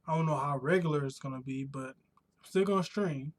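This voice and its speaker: A man's voice: on the high side, fairly quick. An American man chatting casually on a live stream from his home room, rambling and rephrasing himself, his voice a bit worn from pollen. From United States. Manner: rambling, restarts and rephrases often. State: voice slightly worn from pollen allergy.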